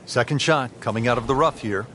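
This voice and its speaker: A man working as a golf commentator in a video game, with a measured, polished TV announcer delivery. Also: mid-range voice, fairly bright tone, slight background noise, close to an everyday voice. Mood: composed, appreciative. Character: male TV golf commentator, composed and appreciative. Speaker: lead golf broadcast commentator. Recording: background music and crowd ambience.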